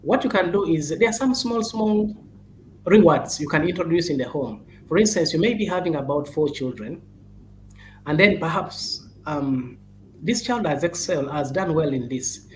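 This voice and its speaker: A man's voice: on the high side, expressive, a little hiss or hum, poor audio. A man, speaking as a child-protection advocate. He halts often on "uh", restarts his phrases, and urges parents and caregivers earnestly. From Uganda. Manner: halting and repetitive, with many "uh"s and restarts, urging earnestly.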